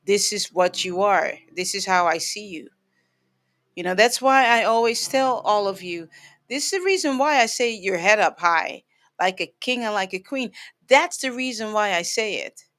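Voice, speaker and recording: A woman's voice: medium pitch, a bit bright. A woman hosting a live sound healing session, counseling a caller in a reassuring way, laughing often and repeating phrases for emphasis. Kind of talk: live spiritual counseling chat.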